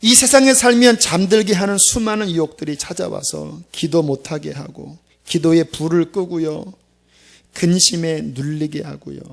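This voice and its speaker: A man preaching a sermon as pastor, talking in a lively, conversational way that swings between loud bursts and hushed asides. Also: high voice, gravelly. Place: church sanctuary.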